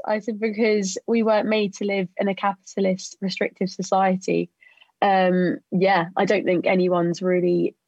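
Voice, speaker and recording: Flat-voiced twenty-year-old woman. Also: mid-range voice, no room sound, lo-fi sound. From England. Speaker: panelist. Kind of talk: panel discussion.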